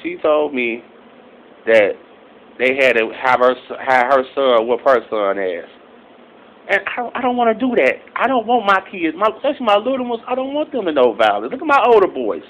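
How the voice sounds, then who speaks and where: A middle-aged man ranting casually into his phone camera, profane and rambling, with loud outbursts and low mutters. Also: very animated, moderate pace, slight background noise. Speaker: vlogger. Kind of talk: casual angry rant to camera. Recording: slightly dull phone recording.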